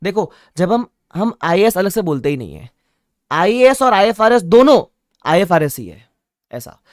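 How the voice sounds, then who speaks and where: A man's voice: high voice, big pitch swings, moderate pace, no echo, studio quality. A man teaching an online class, repeating key points with playful asides. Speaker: online exam-prep teacher. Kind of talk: lively classroom lecture.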